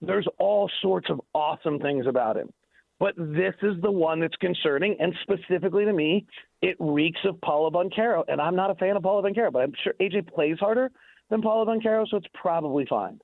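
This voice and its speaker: Sounding tinny as if on the phone, a man with a high-sitting voice and vocal fry talks fairly quickly. He delivers conversational sports analysis as a radio guest, pushing his points emphatically and argumentatively with repetition for stress.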